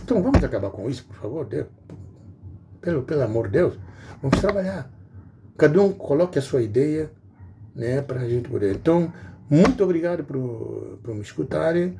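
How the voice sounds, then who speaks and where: A middle-aged video blogger from Guinea-Bissau, speaking with a Guinea-Bissau Portuguese accent, gives an earnest, informal monologue to viewers, pleading with frequent hesitations. His voice is fairly high, expressive and creaky at a moderate pace, with frequent pauses and background noise.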